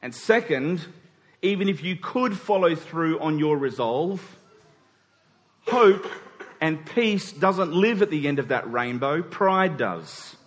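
A man in his forties preaches a sermon to a congregation, making emphatic rhetorical points and dropping asides. His voice is a little high with lively intonation, and he takes his time. Long hall reverb surrounds him.

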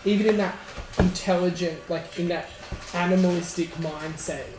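A man's voice: high-pitched, steady tone, moderate pace. A man as game master, narrating scenes and calling rules in a casual tabletop game. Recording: echoey room, noisy background with clicks.

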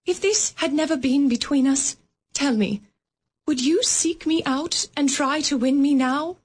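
Belle, a woman playing a sorrowful young woman, high-voiced and earnest, radio play. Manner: gentle, earnest, measured. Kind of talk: radio drama acting.

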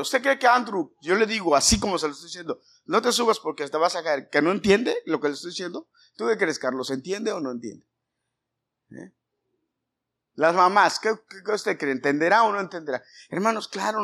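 A man's voice: high voice, a bit bright. A man, a pastor giving a conversational sermon in a church, questioning his congregation by name. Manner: acts out scolding dialogues with shifting voices.

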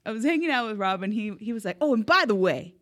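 Bright, lively woman in her thirties. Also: fairly high pitch, fast talker. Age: 30s. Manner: laughs often, animated storytelling. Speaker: podcast co-host. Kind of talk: casual chat.

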